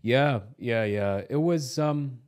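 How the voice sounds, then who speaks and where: This interview guest, around thirty, was born in Iraq, raised in New Zealand, and is not an English speaker. He chats casually and haltingly about his own life in a mid-range, darkish voice at a slow pace.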